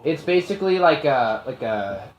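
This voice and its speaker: A man's voice: mid-range voice, sing-song, normal speed. A man running a tabletop game as game master, describing scenes in a loose, rambling way full of fillers. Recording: echoey room with faint noise.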